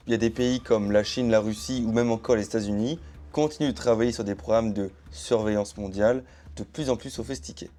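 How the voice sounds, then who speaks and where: A man narrating a true story in a relaxed, conversational way, talking straight to his audience and dropping little asides as he goes. His voice is mellow and warm, pitched around the middle for a man. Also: a little hiss or hum. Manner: chatty, addresses viewers directly with asides and hedging phrases. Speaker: YouTube storyteller. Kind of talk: casual explainer narration to camera.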